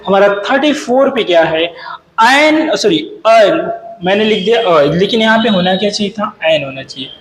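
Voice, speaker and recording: A young man with a bright, expressive, high-pitched voice runs an exam-prep lesson through slides at a moderate pace, quizzing students on vocabulary in a sing-song way. He blends Hindi with English words, and the echoey room carries faint noise.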